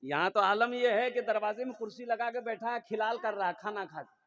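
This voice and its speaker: A male Islamic preacher, giving a sermon and rising into loud exhortations with repeated phrases. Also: high-pitched, fairly quick. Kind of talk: sermon at a religious gathering. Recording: echoey, dull lo-fi live recording.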